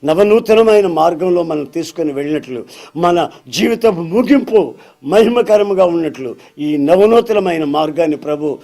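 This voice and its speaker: High-voiced man preaching a sermon. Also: expressive, normal speed, dark tone. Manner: storytelling, addressing listeners as brothers.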